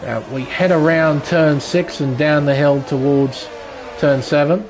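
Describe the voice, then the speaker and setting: Male race commentator, higher-pitched voice, play-by-play motorsport calls over clear engine noise. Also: fairly even intonation, a little slow. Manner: motorsport commentator calling the action move by move. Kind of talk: live sim racing commentary. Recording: loud vehicle noise behind. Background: racing car engine noise.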